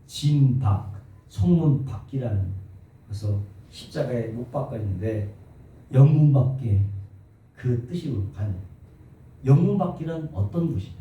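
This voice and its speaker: A male pastor preaching a sermon in a church, animated and full of rhetorical questions to the congregation. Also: medium pitch. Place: church sanctuary. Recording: very echoey church hall, distant mic.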